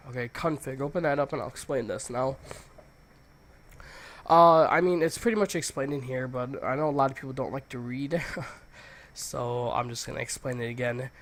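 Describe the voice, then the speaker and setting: A man with a stuffy, congested nose hosting a casual software tutorial, talking informally and thinking aloud as he goes. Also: mid-range voice, moderate pace. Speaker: tutorial host.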